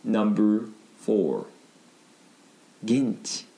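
A Japanese man gives a casual, unhurried vocabulary lesson, breaking each phrase down in plain words and slipping into English to explain. His voice is low, dark and gravelly. The recording has a noticeable echo of the room. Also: big pitch swings. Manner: explains slowly in simple Japanese, mixing in English glosses. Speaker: Japanese language teacher.

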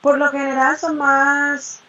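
A woman's voice: sits high, little pitch movement, slow pace, pushed and bright, lo-fi sound. A woman in her twenties from the Dominican Republic, speaking Dominican Spanish and answering interview questions in a cheerful, chatty way that breaks into laughs. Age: 20s. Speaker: interview guest.

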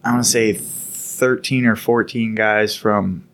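A laid-back man spinning a long story from his service days. His voice sits fairly low, and he rambles along in an easy, conversational way. It has the feel of a podcast chat. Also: fairly even intonation, slow, fairly bright tone. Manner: laid-back, rambling, laughs while telling. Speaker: podcast co-host recounting military service. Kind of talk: casual storytelling.

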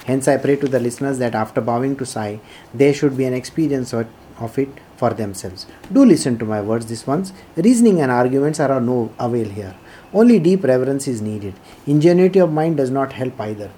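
A spiritual teacher with an Indian accent and a soft, mellow tone at a middling pitch. The delivery moves between devotional reading and informal explanation. Points are made didactically, with key phrases repeated for emphasis. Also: animated, fairly quick, a little hiss or hum.

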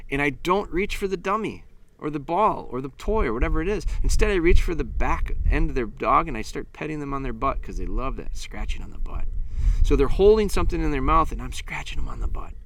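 A man's voice: mid-range voice, a bit bright, a little hiss or hum. A man hosting a podcast on retriever training, explaining methods in a blunt, folksy, casual way and voicing what the dog thinks. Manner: blunt, folksy, acts out the dog's thoughts. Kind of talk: casual instructional talk.

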